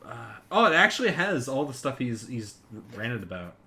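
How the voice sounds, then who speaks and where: A man's voice: mid-range voice, sing-song, normal speed, pushed and bright. A man co-hosting a casual podcast, rambling and swearing while reading news articles aloud. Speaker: podcast co-host.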